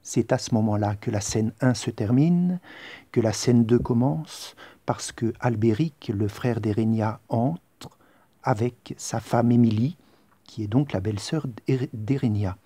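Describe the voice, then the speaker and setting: Slow, husky man explaining his play. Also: medium pitch, mellow, no room sound. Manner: halting, with restarts. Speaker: playwright reading his own play. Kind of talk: casual explanation between scenes.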